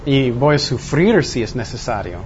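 A man's voice: mid-range voice, very animated, normal speed. A man leading an interactive Bible study, teaching in a teacherly way and putting questions to his group. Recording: muffled room recording with faint noise.

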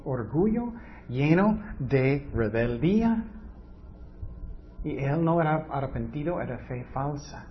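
Slow, high-voiced male preacher. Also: muffled recording, a little hiss or hum. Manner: earnest teaching with rhetorical questions. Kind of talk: sermon.

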